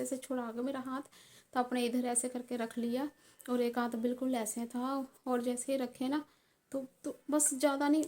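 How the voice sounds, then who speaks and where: A young woman vlogger telling a personal story in an earnest, halting way, with many fillers and restarts. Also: high-pitched.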